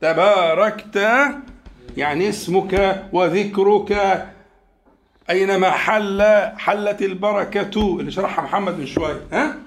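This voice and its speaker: Egyptian male teacher, higher register, lectures in an echoey room, quizzes the class, stretches key words. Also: normal speed. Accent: Egyptian Arabic.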